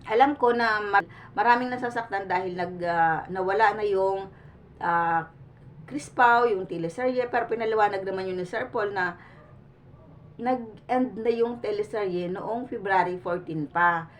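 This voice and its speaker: A woman's voice: mid-range voice, a little slow. A woman talking casually to her viewers, earnest and pleading, restarting her sentences often and sweating in the heat. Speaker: vlogger. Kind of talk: casual reaction commentary to the camera. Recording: distant mic with faint room noise.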